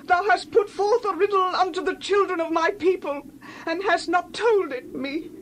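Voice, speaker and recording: A woman's voice: extremely high pitch, normal speed, slight background noise. A woman playing a tearful, wheedling young wife in a dramatized Bible reading. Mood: tearful reproach.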